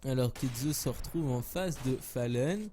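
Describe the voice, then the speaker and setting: A man casting a live esports match alone, rambling and joking between plays, with quick bursts of excitement at big moments. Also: mid-range voice, a little hiss or hum. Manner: jokey, rambling, self-mocking asides. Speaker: esports caster. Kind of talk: solo live game commentary.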